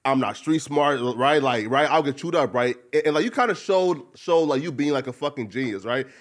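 A man's voice: mid-range voice, expressive, fairly quick. A man interviewing in a casual, slangy, hyped-up bro style, peppering his talk with bro, like and right. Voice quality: slang-heavy speech.

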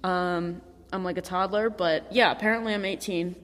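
An eighteen-year-old woman hosts her own podcast and tells a story in a loose, rambling way, restarting her sentences often. Her voice sits a little low, and it rings out in an echoey room with a long tail of reverb. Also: fairly even intonation, moderate pace, fairly bright tone. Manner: rambling, with many restarts and fillers. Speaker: podcast host. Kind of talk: casual storytelling monologue.

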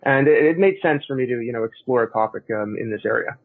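Male interview guest, Canadian accent, slightly rough voice, talkative, heard over a tinny phone connection. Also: medium pitch, fast talker. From Montreal, Canada. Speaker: guest, historian and author. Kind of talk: conversational interview answers. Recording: tinny narrow phone-like line.

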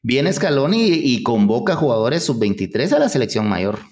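A man's voice: medium pitch, very animated, normal speed, darkish tone. A man with a Guatemalan accent co-hosting a podcast, chatting casually and with firm opinions about football. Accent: Guatemalan Spanish. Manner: opinionated, reasons aloud. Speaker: podcast co-host.

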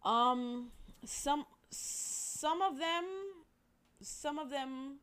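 A woman's voice: high voice, extremely slow, fairly bright tone. A young woman in casual chat, blunt and emphatic, swearing freely and leaning on filler phrases.

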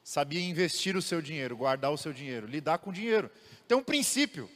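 A young Brazilian man teaching the Bible in a lively way, asking his listeners rhetorical questions. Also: on the high side, fairly quick. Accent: Brazilian Portuguese. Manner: animated, asks the audience rhetorical questions. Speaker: theology teacher. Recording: long reverb of a large room.

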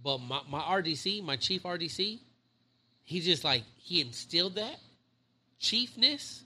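A man's voice: sits high, animated, unhurried, pushed and bright. A man in his thirties, a Navy chief co-hosting a podcast, telling rambling stories in casual chat and swearing a lot. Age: 30s. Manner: profane, rambling storyteller.

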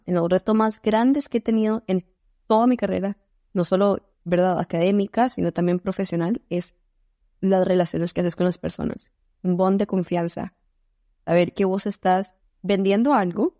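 A woman from Costa Rica with a Costa Rican accent, a podcast guest telling lively stories in casual conversation. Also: mid-range voice, no echo, studio quality. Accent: Costa Rican Spanish. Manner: animated, expressive storytelling with laughter. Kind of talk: casual interview chat.

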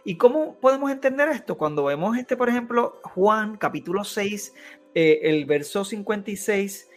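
Man, high pitch, conversational Bible teaching, tag questions, hesitant, faint music behind. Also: lively intonation, normal speed. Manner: keeps adding tag questions, frequent hesitations.

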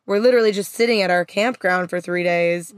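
A woman's voice: on the low side, a little fast, clear, resonant tone, no room sound. Casual woman podcaster, close dry sound. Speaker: podcast co-host. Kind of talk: casual conversational podcast chat. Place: inside a parked van.

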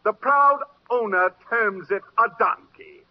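An actor playing a mocking, showy horse-market dealer who jeers theatrically, in an old radio drama. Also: male voice, sits high, lively intonation, normal speed. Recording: muffled old radio recording.

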